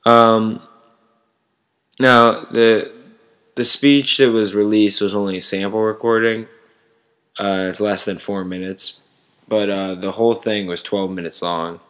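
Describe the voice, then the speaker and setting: A man giving casual, unscripted sports commentary to online viewers in a halting way, searching for words. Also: fairly low pitch, fairly even intonation, a bit bright.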